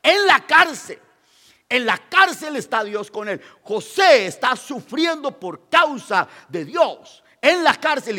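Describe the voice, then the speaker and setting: A male pastor preaching a sermon, repeating phrases for emphasis and swinging between loud proclamations and quiet asides. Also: very high-pitched, in a large hall. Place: church.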